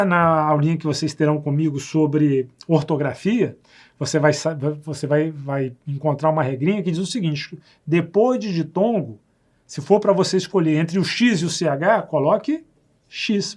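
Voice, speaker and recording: Brazilian male teacher, slightly raised pitch, patient and repetitive recorded lesson delivery. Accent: Brazilian Portuguese. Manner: patient, repeats words slowly and checks with the viewer.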